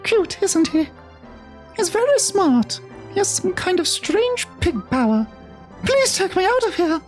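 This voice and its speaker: A woman voicing a sweet young princess in a video game, high and girlish. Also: big pitch swings, measured pace, soft background music, exaggerated voice. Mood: pleading.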